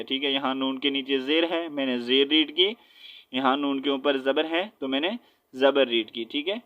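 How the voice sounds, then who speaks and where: A man teaching Quran recitation step by step, spelling out letters with their vowel marks and often checking in with his listeners, then chanting verses slowly. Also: mid-range voice, lo-fi sound. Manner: switches between quick explanation and slow drawn-out chanted recitation.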